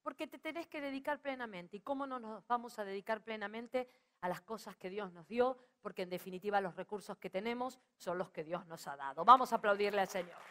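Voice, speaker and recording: Brisk and fairly bright, with a medium-pitched voice, this middle-aged woman preaches in a Rioplatense Spanish accent from Argentina. Her sermon is rousing, and she calls out to the audience to respond.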